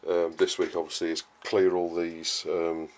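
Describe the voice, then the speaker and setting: Working in his vegetable garden and greenhouse outdoors, a man vlogs about his gardening tasks in a low, flat voice. His explanations come haltingly and unscripted, and the camera microphone picks up clear ambient noise, with his distance from it varying.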